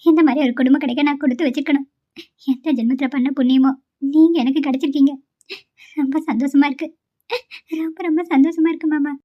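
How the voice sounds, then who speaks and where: A woman voicing a gentle, polite young daughter-in-law in a cartoon. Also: high-pitched, steady tone, quick pace, natural voice. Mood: grateful. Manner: soft, polite, humble. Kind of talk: amateur cartoon voice acting. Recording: dull lo-fi sound.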